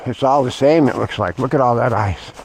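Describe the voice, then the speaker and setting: A man's voice: mid-range voice, brisk. A man giving casual outdoor vlog commentary on a winter run, thinking aloud in short, broken phrases. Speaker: vlogger. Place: outdoors on a winter lake shoreline. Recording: clearly noisy raw outdoor recording.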